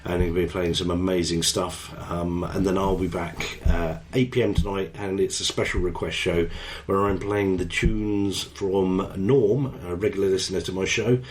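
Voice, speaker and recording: A man's voice: sits low, fairly even intonation, moderate pace, few pauses. A man hosting a radio show, chatting casually and joking at his own expense. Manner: chatty, self-deprecating. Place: radio studio.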